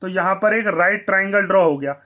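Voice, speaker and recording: Male maths teacher, high voice, bright tone, asks and answers his own questions. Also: fairly quick. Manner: asks the class questions and answers them himself. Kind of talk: blackboard maths lesson.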